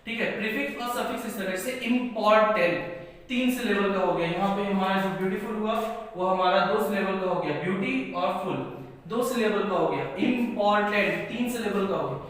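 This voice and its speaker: A man, teaching English grammar in a high voice. He works through each rule step by step. The sound is strongly echoey, with a long reverb, picked up from far off the mic. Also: quick pace. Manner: explains step by step, says "ठीक है" often. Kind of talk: classroom lesson.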